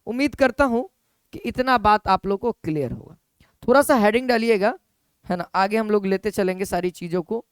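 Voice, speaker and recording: A man's voice: high-pitched, moderate pace, clear, resonant tone, dry recording, clean studio sound. A man teaching an exam-prep lesson, repeating key points and putting questions to his students.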